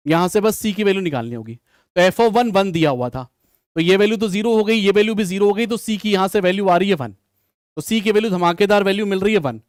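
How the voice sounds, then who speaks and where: Male online maths tutor, high voice, Hindi-English mix, thinks aloud and answers student comments, dry close mic. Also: fast talker, no echo. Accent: Hindi mixed with English maths terms. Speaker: maths teacher. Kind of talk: live online exam solution class.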